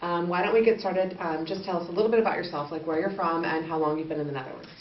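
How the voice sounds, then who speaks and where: Speaking at a racing pace, this fairly low-pitched, steady-toned woman interviews a guest with friendly, chatty questions and ready laughter. The mic is far away, leaving the audio distant, echoey, muffled and hissy.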